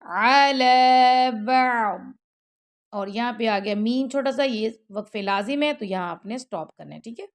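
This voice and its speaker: A woman teaching Quran recitation, switching between slow drawn-out chanting and quick spoken explanations. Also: medium pitch, animated. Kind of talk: tajweed recitation lesson.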